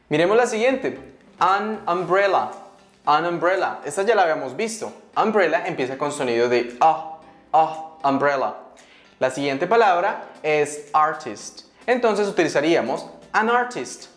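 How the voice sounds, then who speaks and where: Low-voiced woman teaching English, roomy room. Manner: lively, bursts up high on questions and calls to attention; slows down to spell out English example words. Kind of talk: video English lesson for Spanish speakers. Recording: roomy sound with soft background music.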